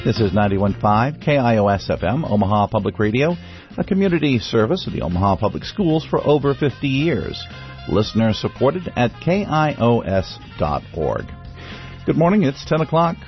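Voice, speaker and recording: A man giving a public radio station identification and time check, in a lively announcer delivery heard through a tinny radio. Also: medium pitch, moderate pace. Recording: lo-fi radio broadcast with music.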